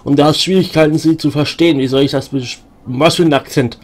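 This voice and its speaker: A man's voice: on the high side, steady tone, quick pace. Rambling German man streaming a game. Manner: rambling, many fillers and restarts. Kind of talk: let's play commentary, reading game text aloud.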